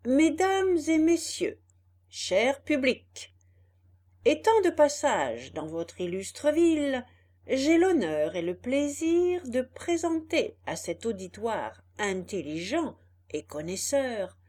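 Woman doing a gruff angry circus boss. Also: high voice, sing-song, slow pace, voice pushed up, exaggerated voice. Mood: pompous. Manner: shouting, scolding.

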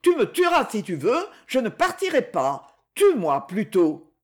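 A reader voicing a desperate young woman who pleads and sobs in a high, tearful voice, in a French audiobook. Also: huge pitch swings, unhurried. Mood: defiant. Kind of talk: audiobook character voice.

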